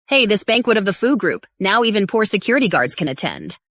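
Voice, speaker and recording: A woman's voice: medium pitch, big pitch swings, brisk, fairly bright tone, dry recording. A woman dubbing an arrogant, spoiled young heiress who talks down to everyone, recorded dry in a studio. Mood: sneering. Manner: sneering, haughty. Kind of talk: English drama dub.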